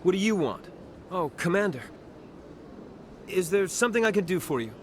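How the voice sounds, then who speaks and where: An actor playing a young, eager army private in a video game, awkward and easily flustered. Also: male voice, fairly high pitch, animated, normal speed, a bit bright, slight background noise. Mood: startled, eager. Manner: stammering, flustered. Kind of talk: video game dialogue acting.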